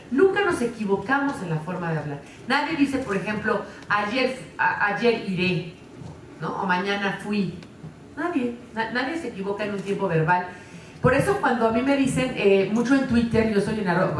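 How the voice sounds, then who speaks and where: A woman's voice: mid-range voice, a little hiss or hum. Woman lecturing in an echoey hall. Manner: lively, conversational, frequent tag questions. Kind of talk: conference talk. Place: conference hall. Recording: echoey hall, distant mic.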